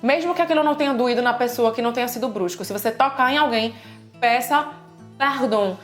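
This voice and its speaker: A Brazilian woman with a Brazilian Portuguese accent, explaining customs in a casual video lesson with lively examples. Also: a little high, a little fast. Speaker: language teacher and co-host. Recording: echoey room with faint music.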